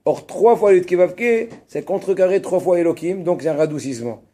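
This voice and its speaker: A man leads a religious text class in a somewhat high voice. He talks in an animated way, asks his own questions and answers them, stresses Hebrew terms, and drops casual asides to his students. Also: a little fast. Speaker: rabbi teaching a class.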